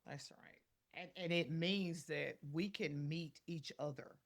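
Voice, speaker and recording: A podcast host asking calm, measured questions and affirming the guest. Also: medium pitch. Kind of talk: interview questions.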